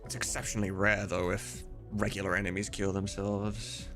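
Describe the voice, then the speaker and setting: At a moderate pace and in a fairly low, level tone, this game mod voice director and streamer talks casually on stream, reasoning aloud with enthusiasm and emphasis plus a bit of mild swearing. Music can be heard behind him.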